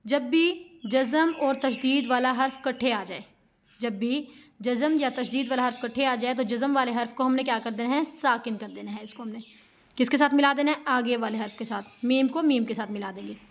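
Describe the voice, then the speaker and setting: A woman's voice: on the high side, a little fast. A woman Quran teacher with a Pakistani Urdu accent, giving a patient step-by-step recitation lesson that spells out sounds syllable by syllable and poses questions to her students.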